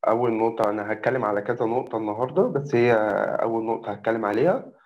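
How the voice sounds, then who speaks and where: Fast-talking young Egyptian man, muffled. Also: medium pitch. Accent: Egyptian Arabic. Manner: rambling, keeps addressing the host as doctor. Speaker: guest telling his conversion story. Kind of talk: personal testimony, casual. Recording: muffled lo-fi audio.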